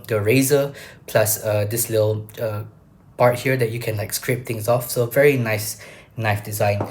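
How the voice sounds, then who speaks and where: A man with a cough hosting a casual knife vlog, halting with many fillers and clearing his throat often. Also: medium pitch. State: has a cough, throat a bit rough. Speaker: knife-collection vlog host. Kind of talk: casual product show-and-tell.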